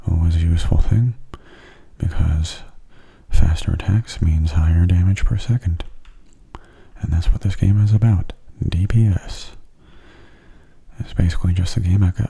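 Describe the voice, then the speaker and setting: A man with a low voice gives soft-spoken ASMR game commentary, breathy and often close to a whisper, explaining things gently.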